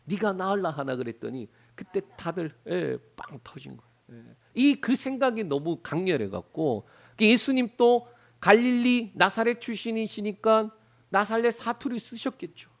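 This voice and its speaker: Middle-aged daegu pastor preaching, gyeongsang accent, high voice, swings all over, acts out the characters. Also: male voice, moderate pace, creaky. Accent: Gyeongsang Korean. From Daegu, South Korea. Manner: animated, asks the congregation rhetorical questions; acts out Bible characters' lines in exaggerated voices. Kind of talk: Wednesday prayer service sermon.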